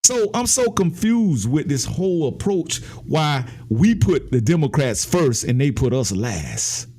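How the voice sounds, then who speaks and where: A man's voice: sing-song, unhurried, mellow, slightly rough. Guy ranting about politics, fired up, emphatic, voice keeps climbing. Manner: impassioned, emphatic, rises in pitch when ranting. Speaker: political commentator. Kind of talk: heated political talk.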